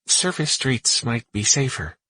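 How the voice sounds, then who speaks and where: A man voicing a gentle, caring young woman in an audiobook, talking softly and earnestly. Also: medium pitch, sing-song, unhurried, slightly rough, no room sound, pitched above the performer's own voice, heavily acted. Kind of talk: audiobook character voice.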